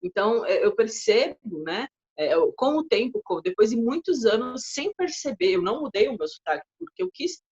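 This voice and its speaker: A woman in her thirties from southern Brazil, co-hosting a casual chat and telling a story in a chatty, animated way. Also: a little high, moderate pace, hardly any pauses, slightly rough. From far west of Santa Catarina, Brazil. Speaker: co-host. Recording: dull lo-fi audio.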